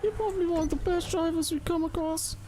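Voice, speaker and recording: A man putting on a very high, squeaky falsetto for a kindly driving instructor in a game, reassuring and generous with praise. The tone is soft and mellow rather than sharp. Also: fairly even intonation, quick pace. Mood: encouraging. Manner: reassuring, complimentary.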